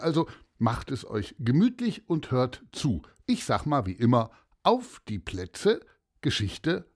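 A man narrating a children's story, expressive and addressing young listeners directly. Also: mid-range voice, husky.

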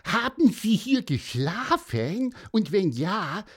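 The narrator of a children's story voicing a small, cheeky and curious bird in a very high, excited voice. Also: takes it slowly, breathy edge, full character voice.

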